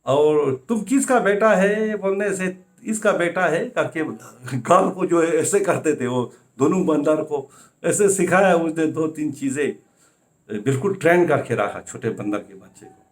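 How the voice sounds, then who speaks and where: A man's voice: fairly high pitch, unhurried. A man narrating a folk tale in a loose conversational way, full of filler phrases. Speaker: storyteller. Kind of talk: casual oral storytelling.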